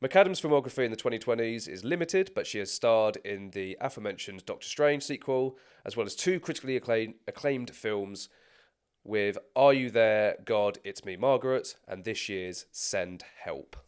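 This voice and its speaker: A man's voice: on the low side, expressive, normal speed, clear, resonant tone. Chatty man hosting a film podcast. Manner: chatty, stumbling restarts, frequent laughter. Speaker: podcast co-host. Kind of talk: casual film podcast chat and scripted career rundown.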